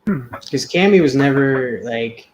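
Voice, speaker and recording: A man's voice: medium pitch, expressive, takes it slowly, over a noisy crowd, poor audio. A man on a drawing talk show, chatting casually and rambling with many hesitations and restarts. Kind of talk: casual chat while drawing.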